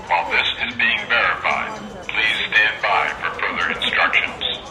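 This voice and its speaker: A man reading a scripted emergency evacuation alert in a formal, deliberate public-address manner. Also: fairly low pitch, echoey room, music in the background, low-quality recording. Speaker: emergency announcer.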